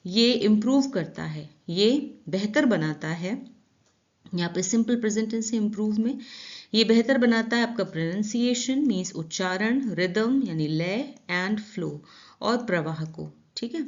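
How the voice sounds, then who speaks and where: A woman teaching vocabulary in Hindi, reading sentences slowly and explaining each word with repeated translations. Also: mid-range voice. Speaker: English teacher. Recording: dull lo-fi recording.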